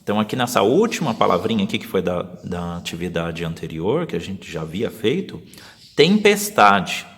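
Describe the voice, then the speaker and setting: Patient Brazilian teacher, lively and echoey. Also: male voice, deep voice. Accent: Brazilian Portuguese. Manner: patient, explains step by step, sounds out syllables slowly. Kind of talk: remote class video lesson.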